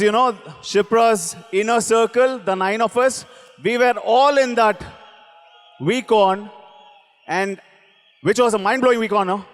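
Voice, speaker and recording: Male event host, booming motivational rally speech, commanding shouted delivery, unhurried, long hall reverb. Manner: commanding, exhortatory, shouted calls with repeated phrases. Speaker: event host introducing a speaker. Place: large event hall on stage.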